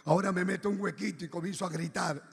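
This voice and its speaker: A man preaching a dramatic testimony, shouting at some moments and hushed at others, with a raspy voice. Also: high-pitched, steady tone, fast. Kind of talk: sermon testimony. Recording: echoey hall with long reverb.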